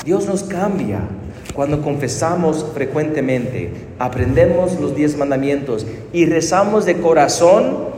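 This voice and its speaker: Male preacher, earnest, pleading, high voice, echoey church hall. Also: a little hiss or hum. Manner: earnest, pleading, shifts between soft and emphatic. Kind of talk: sermon. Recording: echoey hall, heard from a distance.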